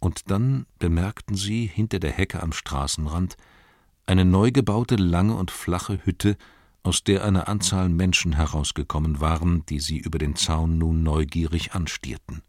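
A man narrating an audiobook in a measured, expressive storytelling manner. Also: deep voice, no echo, clean studio sound.

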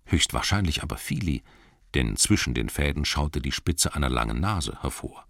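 Deep-voiced guy narrating a kids' fantasy storybook, animated, talks to the listener sometimes, dry close sound. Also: normal speed, vocal fry, no room sound. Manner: expressive, lively, asides to listeners. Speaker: audiobook narrator.

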